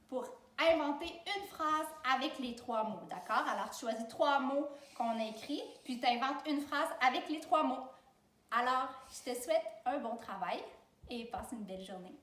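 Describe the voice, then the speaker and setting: A woman with a Québécois French accent gives a children's spelling lesson in a fairly high voice. She is patient and takes things step by step, talking directly to the child. She sounds a little away from the mic, in a roomy space. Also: moderate pace, fairly bright tone, recorded from a distance. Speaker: teacher.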